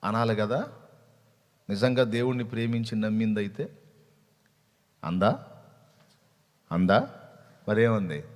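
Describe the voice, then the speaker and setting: A man preaching a sermon with an animated manner, asking the congregation questions and urging them to answer out loud. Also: fairly low pitch, slow, long pauses. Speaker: pastor. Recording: reverberant hall.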